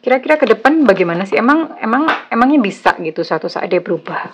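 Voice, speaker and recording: A woman's voice: a little high, lively intonation, quick pace, highs cut off, background noise. Chatty, blunt woman reading tarot. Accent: Indonesian. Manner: chatty, blunt, mixes in English phrases. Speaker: tarot reader. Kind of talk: casual tarot reading to viewer.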